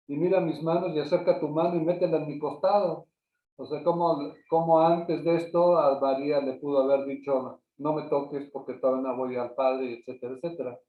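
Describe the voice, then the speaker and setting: A man, a pastor, teaching a Bible class in a halting way, often repeating words and ending phrases with a questioning tag. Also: fairly high pitch. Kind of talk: Bible study lecture. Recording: echoey, distant, phone-like sound.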